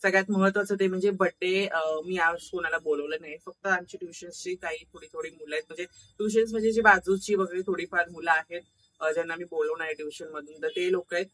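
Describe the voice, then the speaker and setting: A man's voice: high-pitched, fairly even intonation, fast, sharp tone. A man chatting casually to his viewers, filmed indoors at home. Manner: chatty, coaxing a child with repeated questions. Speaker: vlogger. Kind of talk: casual home vlog chat. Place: home family birthday gathering, indoors.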